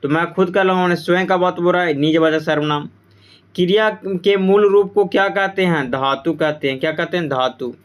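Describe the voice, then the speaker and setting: A male teacher runs through exam-prep grammar points, asking a question and then repeating the answer back. His voice is smooth and resonant and sits a little high for a man. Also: steady tone, brisk. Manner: repeats answers with quiz-style questions to the class.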